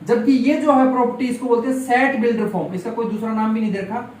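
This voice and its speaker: A man's voice: very high-pitched, steady tone, quick pace, darkish tone. A man teaches maths to a classroom, firing short questions and repeating each term so the students say it back. His mid-range voice comes from some distance away in a reverberant room with faint background noise. It sounds like a live class recorded on a far-off mic. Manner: keeps quizzing the class, repeating key terms. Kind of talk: classroom lesson with call-and-response questions.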